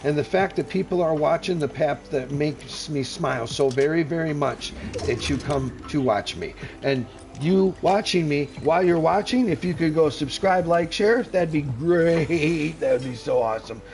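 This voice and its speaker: A man's voice: fairly high pitch, normal speed, darkish tone. A middle-aged man streaming a game, rambling in a folksy, effusively friendly way and repeating himself. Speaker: gaming streamer. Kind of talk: casual live gameplay commentary.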